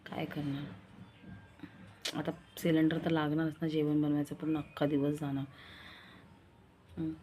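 A woman's voice: low-pitched, flat delivery, moderate pace, long pauses, mellow, a little hiss or hum. A young woman with a Marathi accent chatting in a rambling, confiding vlog style, repeating herself as she talks. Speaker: vlogger. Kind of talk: casual vlog chat.

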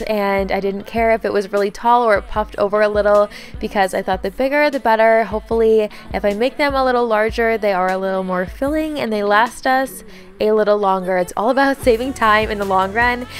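A woman's voice: on the high side, brisk, faint music behind. A young woman, a home vlogger, giving a chatty, upbeat voice-over that explains each step of her cooking.

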